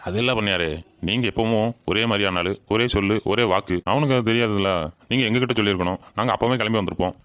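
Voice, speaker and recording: Crafty farmhand, man voicing, low, very fast, dry close sound. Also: fairly bright tone, smooth, dry recording, close to an everyday voice. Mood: cheeky. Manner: rapid, cheeky, argumentative. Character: crafty male village farmhand, feigns anger. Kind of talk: village comedy skit.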